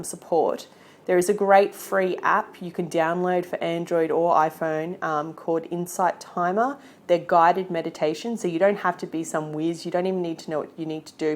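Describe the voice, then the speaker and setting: A woman with an Australian accent giving a casual, chatty tarot reading to camera and encouraging her viewers. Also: on the low side. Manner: chatty, encouraging, often checks in with "okay?" and "right?". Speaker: tarot reader.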